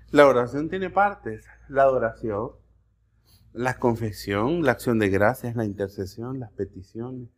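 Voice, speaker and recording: A male pastor preaching a sermon in a conversational way, often checking in with the congregation and telling lively stories. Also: medium pitch. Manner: conversational, keeps asking the congregation "¿verdad?"; animated storytelling with acted-out voices and jokes.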